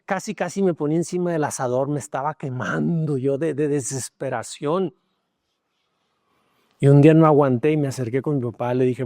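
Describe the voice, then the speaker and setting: A man's voice: medium pitch, creaky, no room sound. Emotional preacher man, dry close sound. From Mexico. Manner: emotional storytelling preacher, shifts from loud to hushed. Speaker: pastor. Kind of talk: sermon with personal story. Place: church.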